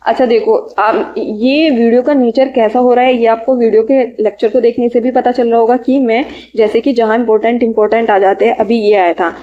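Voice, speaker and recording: A woman teaching exam vocabulary, listing synonyms in short bursts and adding quick study tips. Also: fairly high pitch, fairly even intonation, muffled recording. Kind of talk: reading out synonym lists for an exam lecture.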